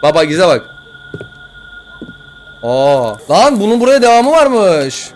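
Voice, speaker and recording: A young man playing a horror game, swearing, joking and yelling at the game as he comments. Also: sits high, very animated, slow, slight background noise. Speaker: gaming YouTuber.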